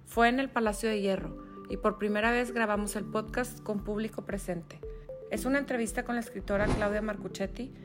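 A woman's voice: mid-range voice, fairly even intonation, fairly quick, over music. A woman with a Mexican accent hosting a podcast, upbeat and welcoming. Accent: Mexican Spanish. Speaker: podcast host. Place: store event space with live audience.

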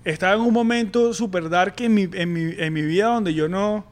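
High-voiced Venezuelan man telling a story. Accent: Venezuelan Spanish. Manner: candid, halting, full of slang and restarts. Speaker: podcast co-host. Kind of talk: casual personal storytelling.

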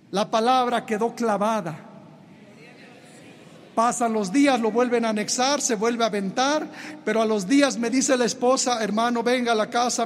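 A very high-pitched man preaches a sermon with fervor, his voice swelling into shouts. He is recorded with a long, hanging reverb and a faint hiss behind him. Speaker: minister. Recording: long hall reverb, faint background noise.

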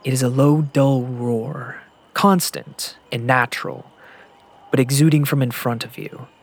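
A man's voice: medium pitch, steady tone, measured pace, vocal fry, breathy edge. A man running a tabletop role-playing game as game master, narrating in second person and building suspense with repeated words. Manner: descriptive, builds suspense with repetition.

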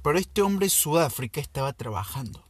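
A man tells a story in a slow, thoughtful way, full of pauses. His voice is somewhat high and a little husky. The recording is dry and close. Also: very animated, no room sound. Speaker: podcast host. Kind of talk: casual storytelling monologue.

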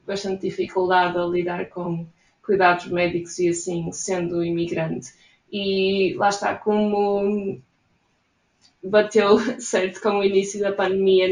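A young woman with a European Portuguese accent talks casually in an interview, breaking into soft laughs. Her voice sits at an ordinary middle pitch. The room around her adds a clear echo. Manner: chatty, frequent soft laughs. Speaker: interviewee, immigrant in Sweden. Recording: roomy echo.

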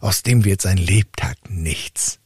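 A mocking older brother from a fairy tale, voiced by a male storyteller, scoffing in a half-whispered aside. The sound is husky and dry. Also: medium pitch, huge pitch swings, unhurried, a little mellow, no echo, full character voice.

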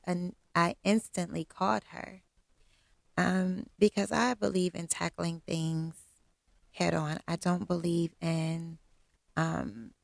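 A middle-aged woman telling a personal story to her viewers, blunt and self-assured, often pausing on "um". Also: on the low side, creaky, no room sound, clean studio sound. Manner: blunt, candid, self-assured straight talk with frequent ums.

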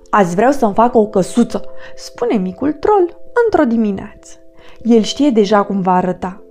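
A woman reads a children's storybook aloud with lively, expressive storytelling. Her voice sits fairly high and moves a lot, with soft music in the background. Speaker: narrator.

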